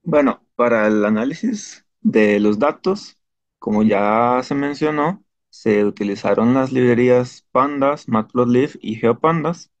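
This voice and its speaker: A man from Costa Rica presenting data analysis in a brisk, matter-of-fact way. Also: medium pitch, dry recording. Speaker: student presenter. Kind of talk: academic presentation. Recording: dry, dull lo-fi audio.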